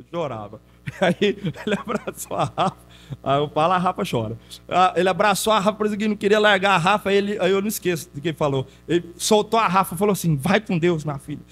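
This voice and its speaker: A male pastor preaching a teaching sermon in church, telling stories in an animated way and putting questions to the congregation. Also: on the high side, a little hiss or hum. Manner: conversational, asks the congregation questions.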